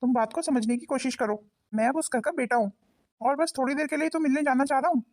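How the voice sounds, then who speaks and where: A woman's voice: sits high, fast talker, darkish tone. A woman voicing a mild, polite young son-in-law in a cartoon, with a reasoning tone. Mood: pleading.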